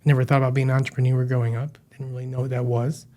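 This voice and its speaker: This podcast guest is a chef and business founder in his thirties from western New York, USA. He tells self-deprecating stories in a chatty, casual interview, his mid-range, darkish voice level in tone but rapid-fire.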